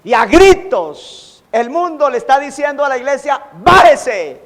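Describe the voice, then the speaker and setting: A man preaching a sermon as pastor, animated, acting out quoted taunts. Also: very high-pitched, moderate pace. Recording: long hall reverb.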